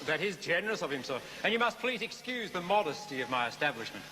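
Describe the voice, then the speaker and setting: Vengeful barber: fairly high voice, formal, terse, theatrical, long hall reverb. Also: male voice, big pitch swings, fast talker, noisy background. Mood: obsequious. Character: menacing, vengeful London barber feigning courteous humility. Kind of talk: theatrical stage-musical dialogue.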